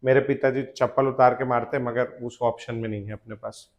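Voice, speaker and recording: A man's voice: mid-range voice, level tone, brisk. Male teacher, classroom lecture, rhythmic chanting of element lists, playful jokes with students. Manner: addresses students as beta, jokes about fathers.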